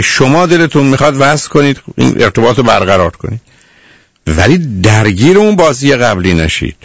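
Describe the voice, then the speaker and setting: A man with a gravelly, creaky voice giving advice on a radio call-in show. His talk is stern and lecturing, close and dry with no room sound. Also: mid-range voice, no echo. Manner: stern, lecturing, repeats "dear" to the caller. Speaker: radio counselor.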